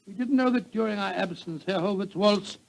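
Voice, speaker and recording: High-voiced fussy old British doctor. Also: male voice, fairly quick, vocal fry, low-quality recording. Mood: genial storytelling. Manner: avuncular, blustering, repeats himself. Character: elderly genial doctor, fussy storytelling companion of a detective. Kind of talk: 1940s radio drama acting and narration.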